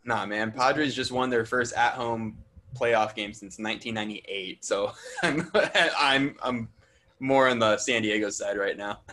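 A man co-hosting a casual podcast in a loose, easygoing way, laughing between points. His voice is bright and sharp, at a middle pitch. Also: unhurried. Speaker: podcast co-host. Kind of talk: casual chat.

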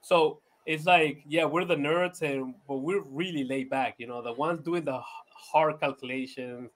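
A laid-back, chatty man born in Venezuela is a guest in a casual podcast interview, laughing often and restarting himself with plenty of "you know" fillers. His voice is fairly high and his pace moderate.

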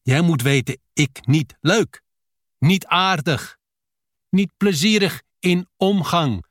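A prickly, sharp-tongued widow as a male reader puts her on, her voice pushed high and swinging up and down. She speaks in blunt, clipped broken phrases, in a dry, close sound. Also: animated, slow, no echo. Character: fierce Brazilian widow in broken Dutch.

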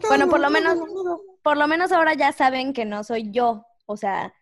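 A young woman with a Mexican accent whose voice sounds high and squeaky like a chipmunk, joking and swearing playfully as a podcast co-host. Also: lively intonation, normal speed, noisy background. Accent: Mexican Spanish. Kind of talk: casual podcast chat.

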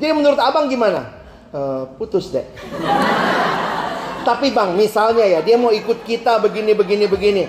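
A man preaching a sermon, acting out both sides of a phone conversation in a lively storytelling way and stretching single words for emphasis. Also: sits high, slight background noise. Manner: animated, acts out both sides of a phone call; emphatic, drawn-out words for stress. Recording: echoey hall with faint ambience.

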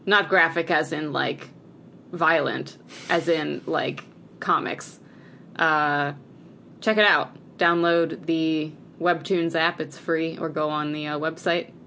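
A podcast co-host whose voice sits a little low for a woman chats eagerly and casually, slipping "like" into every sentence. She talks slowly in a steady tone, with vocal fry and a pushed, bright delivery, while faint noise runs beneath the recording.

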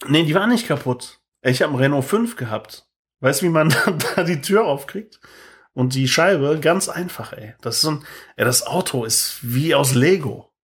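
A man in his thirties co-hosting a podcast, telling a story in lively casual chat and tagging his sentences with "ne?". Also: a little high, normal speed. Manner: animated, tags sentences with "ne?". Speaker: podcast co-host.

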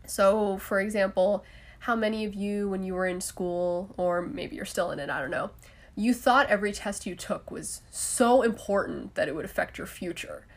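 A woman's voice: medium pitch, moderate pace. A young adult woman hosting a solo podcast in a casual, chatty way, with frequent laughs and fillers. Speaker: podcast host.

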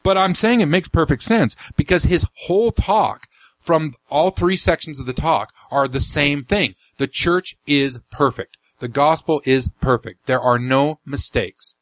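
A man's voice: fairly high pitch, a little slow, dry recording. A man hosting a podcast, reading out passages of a talk and commenting on them bluntly and sardonically, with frequent ums and restarts. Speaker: podcast host.

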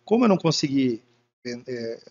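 A man's voice: mid-range voice, sing-song, normal speed, a little mellow. A man guest in an interview, telling his life story casually and acting out quoted dialogue. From Brazil. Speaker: entrepreneur guest. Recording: muffled lo-fi recording.

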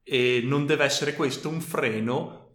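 A man's voice: medium pitch, unhurried, fairly bright tone. A man co-hosting a podcast, giving casual, colloquial advice and stressing his points emphatically. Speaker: podcast co-host. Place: room in a home. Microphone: microphone on a tabletop stand. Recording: roomy, echoey home recording.

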